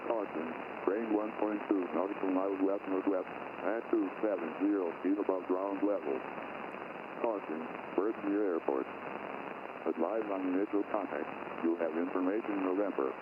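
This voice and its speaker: A man's voice on an airport weather broadcast heard over an aircraft radio, reading weather figures in a flat, steady, repetitive way. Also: low voice, normal speed. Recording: tinny radio with loud static.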